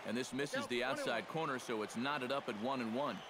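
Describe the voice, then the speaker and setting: A man playing a steady, polished play-by-play baseball announcer in a sports video game. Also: mid-range voice, background noise, close to an everyday voice. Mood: steady, engaged. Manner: polished, measured broadcast delivery. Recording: loud stadium ambience behind the voice.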